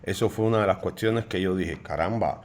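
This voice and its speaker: A man, fondly recalling his daughter's childhood with some halting pauses. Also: sits low, a little mellow. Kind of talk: interview recollection.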